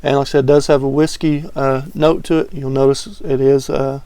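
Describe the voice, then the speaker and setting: A man talking casually to camera as a fragrance reviewer, relaxed and rambling with many fillers. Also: mid-range voice, fairly quick, slight background noise.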